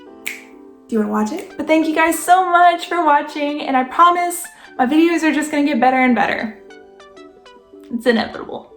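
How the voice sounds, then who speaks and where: Young woman, vlogger, chatty storytelling, fairly high voice, echoey room. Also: brisk, faint music behind. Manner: animated, chatty, lots of "like". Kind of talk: casual storytelling to camera.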